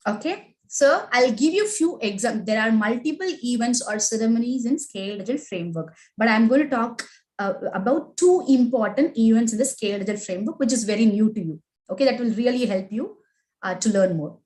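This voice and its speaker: An agile training instructor, a woman with an Indian English accent, teaches a live online class in a fairly high, slightly mellow voice, captured with poor audio. She keeps asking the class things, reading their chat answers back and adding "right?" and "okay?" throughout.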